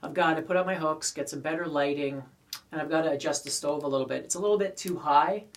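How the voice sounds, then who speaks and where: A man's voice: a little high, fast talker. A man with a Canadian accent rambles casually to his viewers while smoking a pipe, recorded in a small shed. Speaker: pipe-smoking video creator. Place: small wooden garden shed. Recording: distant mic, poor shed acoustics.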